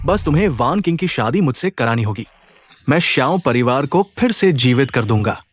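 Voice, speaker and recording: A man's voice: mid-range voice, animated, normal speed, slight background noise, close to an everyday voice. A young man playing a sly, scheming figure in a dubbed drama, speaking smugly.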